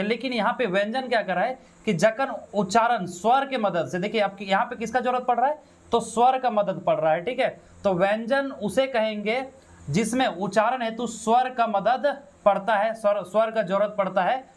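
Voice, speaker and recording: A man with a Khortha accent teaching a grammar lesson, explaining step by step, asking questions and answering them himself. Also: high voice. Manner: explains step by step, asks and answers own questions, frequent "है ना" and "ठीक है". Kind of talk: exam-prep grammar lesson.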